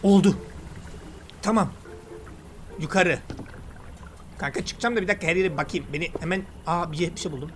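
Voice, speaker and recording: A man talking excitedly and casually while he plays a game and comments on it. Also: high voice, a little fast, long pauses, a little hiss or hum. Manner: chatty, excitable, slangy banter. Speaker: gaming YouTuber. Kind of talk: let's play commentary.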